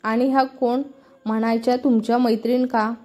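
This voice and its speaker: Old caretaker uncle, polite and welcoming, woman reads him, mellow voice. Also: on the high side, little pitch movement, moderate pace, close to an everyday voice. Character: older male caretaker, kindly and deferential.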